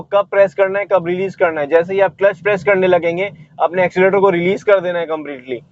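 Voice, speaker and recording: High-voiced man teaching driving from the car. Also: muffled recording. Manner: explanatory, repeats "ye dekhiye" while demonstrating. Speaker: driving instructor. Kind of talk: instructional commentary while driving. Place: inside a car while driving.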